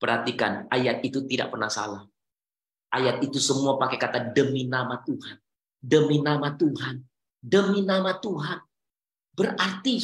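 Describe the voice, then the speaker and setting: A male pastor delivering a sermon with theatrical swings from near-whispers to sudden high, loud exclamations. He keeps prodding the congregation with repeated questions and drops short English exclamations into his preaching. His voice carries the reverb of a large, echoey church hall. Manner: dramatic swings between hushed and loud, rising exclamations. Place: church service. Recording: roomy church hall echo.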